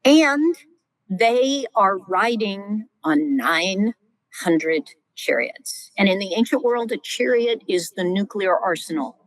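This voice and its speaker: A middle-aged woman, a scholar and podcast guest, teaching in a lively, vivid storytelling way with frequent exclamations. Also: medium pitch, slow, dry recording, rough recording. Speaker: guest Old Testament scholar.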